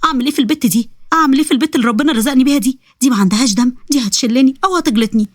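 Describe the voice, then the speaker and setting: Woman putting on a fed-up egyptian mom, scolding fast, dry close sound. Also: high-pitched, dry recording. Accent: Egyptian Arabic. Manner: scolding, exasperated. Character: exasperated middle-aged mother.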